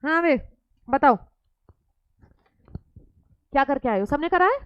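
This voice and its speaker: A woman's voice: high voice, lively intonation, takes it slowly, no room sound, dull audio. A woman teacher giving a classroom lecture, teasing and playfully scolding her students as she mixes Hindi with English.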